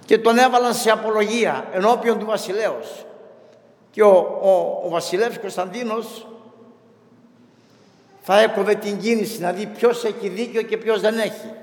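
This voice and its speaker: Male preacher, high voice, tells saints' stories with slow acted quotes; hall echo. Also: steady tone. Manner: retells saints' stories, acting out their lines in a slowed voice. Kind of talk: sermon storytelling. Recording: echoey hall.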